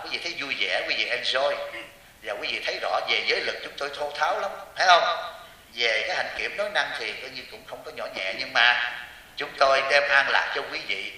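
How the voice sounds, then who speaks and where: High, bright-voiced monk in an echoing hall. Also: male voice, recorded from a distance. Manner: joking, with rhetorical questions to the audience. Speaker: Buddhist monk teacher. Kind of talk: sermon to lay followers. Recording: echoey hall with long reverb.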